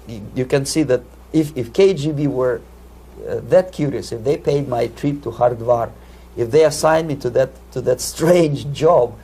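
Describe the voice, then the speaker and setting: A man's voice: medium pitch, vocal fry, warm tone, slight background noise. A man from the Soviet Union with a Russian accent, giving earnest, lecturing answers in an interview and often repeating words as he searches for them. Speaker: interview guest.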